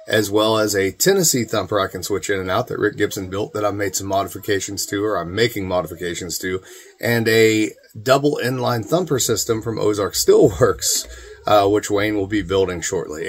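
A middle-aged man who distills and hosts a video channel talks straight to camera in a casual vlog, calling his viewers "guys." His voice is lowish and his manner folksy and informal. He's indoors in a small, cluttered room at home.

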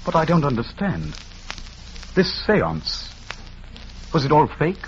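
An actor playing a gullible, astonished gentleman captain, the detective's loyal friend, in 1940s radio drama style. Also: a little high, very animated, takes it slowly, slight background noise. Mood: baffled. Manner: astonished, exclamatory. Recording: muffled 1940s radio recording with music.

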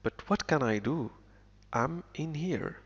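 A man's voice: on the high side, breathy edge, pitched above the performer's own voice, full character voice. Man reading as a sly jailed pirate captain. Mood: wry. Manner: slow, even read-aloud delivery. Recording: lo-fi with long reverb.

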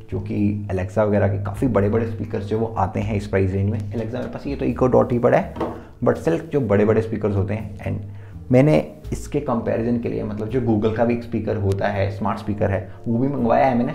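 A man giving a chatty, casual tech product review in a room lit by softbox lights, freely mixing Hindi and English, speaking into his own mic. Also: mid-range voice, gravelly. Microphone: his own mic set up. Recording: roomy echo.

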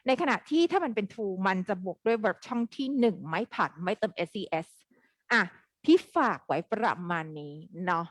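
A woman teaching an English grammar lesson live online, quizzing her students in a lively way. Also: mid-range voice, normal speed, no room sound.

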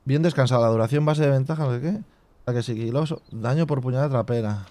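A man hosting a casual let's play, reading game menus half to himself and chatting to his viewers with relaxed asides. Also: mid-range voice, fast talker, no echo. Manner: chatty asides to viewers with filler tags like "tío". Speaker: gaming channel host.

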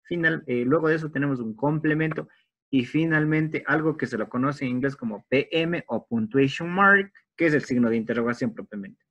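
A man teaching an online English class, explaining grammar step by step in a patient way and slowing down for the English examples. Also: medium pitch, fairly bright tone, dull audio. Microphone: video call.

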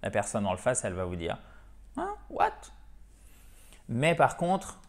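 A French-speaking man with a French accent, teaching English in a chatty online lesson, explaining in French and saying English examples slowly. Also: on the low side, very animated.

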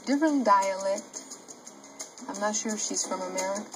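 A woman's voice: medium pitch, normal speed, noisy background. A woman giving dry commentary in a reality show confessional. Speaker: reality TV cast member. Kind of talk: confessional TV interview. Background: music.

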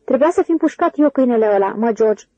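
Woman voicing a rueful old ranch hand, quick muttering, higher mellow voice. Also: expressive, no room sound, muffled recording. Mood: regretful.

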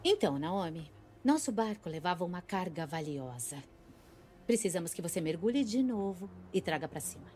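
A woman's voice: on the low side, sing-song, moderate pace, a little mellow. An actress with a Brazilian accent dubbing a cool, commanding female drug smuggler in a film thriller. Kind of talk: dubbed film thriller acting.

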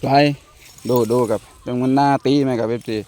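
A man's voice: mid-range voice, fairly even intonation, fairly quick, warm tone. A man vlogging at home, talking politely to his viewers and sharply scolding his disobedient dog. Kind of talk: casual vlog chat.

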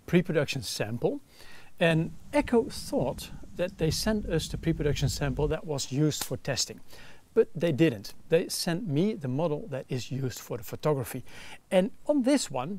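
A man's voice: fairly high pitch, darkish tone. A man in his thirties with a Dutch accent, explaining gear in detail with frequent fillers, recorded outdoors by a campfire. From Netherlands. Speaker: gear reviewer. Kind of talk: casual product review.

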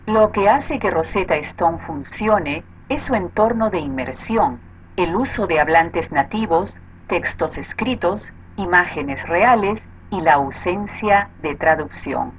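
A woman delivering smooth, measured, persuasive promotional narration as a voice-over. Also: lowish voice, expressive. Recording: dull lo-fi audio with faint noise.

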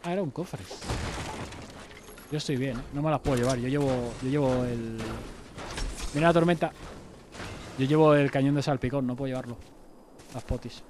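A man from Spain with a Spanish accent, streaming a game live with friends, excitable and repeating his calls out loud. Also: mid-range voice, a little fast, pauses often, background noise. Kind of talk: live gaming chat.

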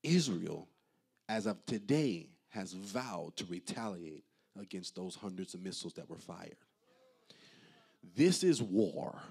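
A man's voice: low-pitched, big pitch swings, slow, gravelly, darkish tone, husky. A male pastor preaching a sermon in a church, impassioned and rhythmic, with repeated refrains. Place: church sanctuary.

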